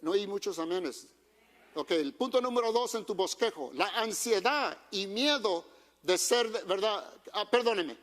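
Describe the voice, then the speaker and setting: High-voiced pastor in a reverberant church. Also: male voice, lively intonation, measured pace, fairly bright tone. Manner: conversational, mixes English phrases, asks congregation questions. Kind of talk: bilingual sermon. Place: church auditorium. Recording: long hall reverb.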